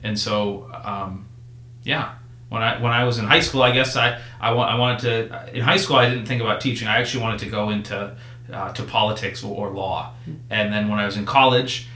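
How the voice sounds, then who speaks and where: Bright-voiced priest in a roomy space. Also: male voice, lowish voice, fairly even intonation, a little fast. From northeastern Vermont. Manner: earnest, reflective, with frequent restarts and repeated words. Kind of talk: casual conversational storytelling. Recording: roomy echo.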